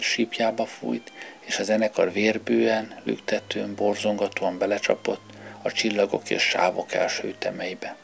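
A man narrating a story as an audiobook reader, in a measured storytelling manner, with music underneath. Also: fairly low pitch, vocal fry. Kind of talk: scripted narration.

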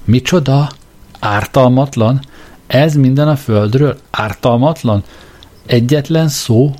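Man putting on Arthur, a shrill panicky Englishman. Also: animated, darkish tone, husky. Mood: agitated. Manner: shrill, exclaiming, disbelieving.

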